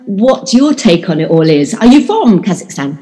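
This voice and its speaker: A woman's voice: mid-range voice, sing-song, normal speed, mellow, in a large hall. A woman hosting a podcast interview, talking in an enthusiastic, chatty way. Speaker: podcast host.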